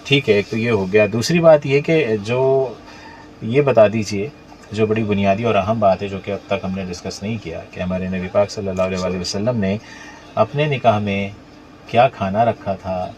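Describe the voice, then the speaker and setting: Male radio host, low register, chatty questioner, muffled lo-fi sound. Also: a little mellow. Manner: conversational, asks questions with many affirming interjections. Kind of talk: radio talk show interview.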